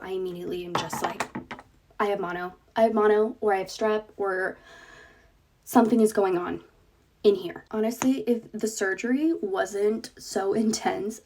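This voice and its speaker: A woman's voice: a little high, dark tone, slight background noise. Congested woman chatting in a vlog. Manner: chatty, candid, laughs often. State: congested with a cold. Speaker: vlogger. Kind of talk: casual vlog talk to camera.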